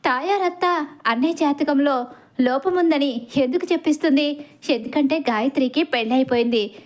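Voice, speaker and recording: A woman's voice: high-pitched, normal speed, natural voice. A woman voicing a worried young man who earnestly explains his suspicions to his brother. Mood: suspicious.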